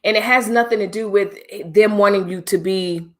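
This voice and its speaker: A middle-aged woman hosts a livestream, chatting casually and directly with her viewers and slipping in preachy asides. Her voice is medium-pitched and moderately paced.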